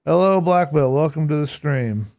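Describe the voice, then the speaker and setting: Playing a game on stream, this hoarse man talks casually with his audience, answering chat out loud with a relaxed, reflective air. His voice sits fairly high, he keeps a moderate pace, and the sound is lo-fi.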